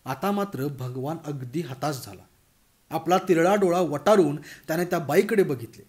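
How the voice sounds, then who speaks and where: A man reading a humorous story aloud in a lively, expressive narrating voice. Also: fairly high pitch, normal speed.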